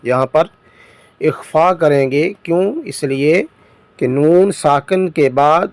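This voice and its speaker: A man teaching Quran reading, spelling each syllable out slowly and then explaining the rule quickly. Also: fairly high pitch, no room sound. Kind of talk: Tajweed lesson, spelling out syllables.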